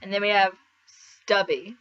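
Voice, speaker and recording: A young woman with an American Southern accent, chatting to camera in a giggly, animated way. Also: medium pitch, measured pace, clear, resonant tone. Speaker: vlogger. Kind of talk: casual chat to camera. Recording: slightly dull lo-fi sound.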